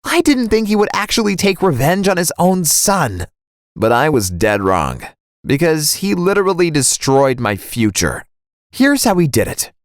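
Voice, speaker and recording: A young man narrating a first-person animated story in a dramatic, scripted way. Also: on the high side, a little slow, dry recording, clean studio sound.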